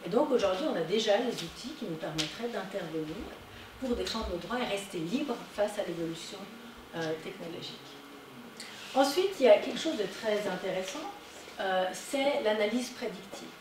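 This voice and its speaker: A woman's voice: medium pitch, moderate pace. Woman lecturing in an echoey hall. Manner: animated, rising emphasis on key points. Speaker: conference speaker. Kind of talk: public conference talk. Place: conference hall. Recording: echoey hall, distant mic, noisy.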